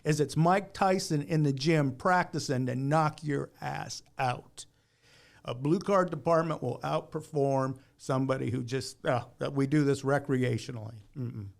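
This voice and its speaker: A former firefighter sitting on a podcast panel talks shop casually, giving his opinions about his trade in a plainspoken, folksy, emphatic way. His mid-range voice is creaky and a little slow.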